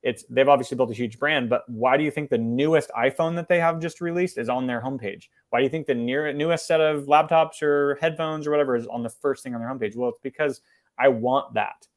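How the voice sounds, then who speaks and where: A man walks through a business marketing lesson at a quick, energetic clip. He talks casually, full of fillers and restarts, with a voice of middling pitch. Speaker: marketing presenter. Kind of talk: webinar presentation.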